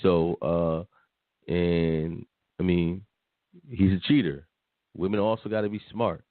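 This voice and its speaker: A man's voice: low voice, fairly even intonation, slow, no room sound. A man co-hosting a podcast, talking bluntly and dismissively in casual chat, often repeating himself. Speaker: podcast co-host. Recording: tinny phone line, dry.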